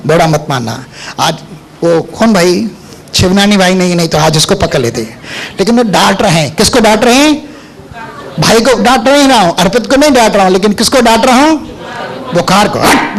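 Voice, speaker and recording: High-voiced male pastor preaching. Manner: rhetorical questions, call-and-response with the congregation; emphatic repetition. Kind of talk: sermon.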